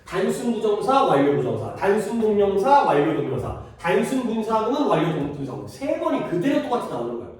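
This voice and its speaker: A man's voice: high-pitched, very animated, a little fast, few pauses, a little mellow. A male teacher giving a classroom grammar lesson, quizzing his students and repeating key terms. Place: classroom at a cram school. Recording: echoey classroom, voice from far off.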